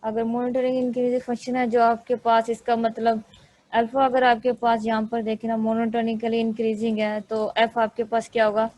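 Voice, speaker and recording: A woman giving a slow, step-by-step math lecture, thinking aloud as she writes. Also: a little high, completely flat delivery, a little mellow, dry recording, poor audio. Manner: slow, methodical, thinks aloud while writing.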